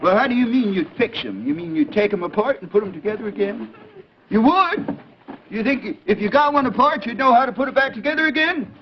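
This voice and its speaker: An American man with a very high voice hosts an old children's TV show. He is folksy and coaxing, full of exclamations, on a dull, faintly noisy vintage broadcast recording. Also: animated, a little fast. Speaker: children's TV host. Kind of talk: 1950s children's television hosting, chatting with kids.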